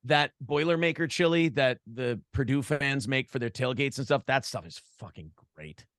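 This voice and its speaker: Speaking expressively at a moderate pace, this American interview guest, a podcast and morning show host from Minnesota, rambles through stories bluntly and with plenty of profanity. His medium-pitched voice has a fairly bright tone, and the studio sound is clean with no room sound.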